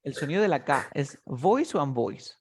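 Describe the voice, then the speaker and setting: On a video call, a man gives a one-on-one English lesson, explaining patiently in Spanish, modeling every sound slowly and checking often that his student keeps up. His voice runs on the high side and is sing-song, with a darkish, husky tone.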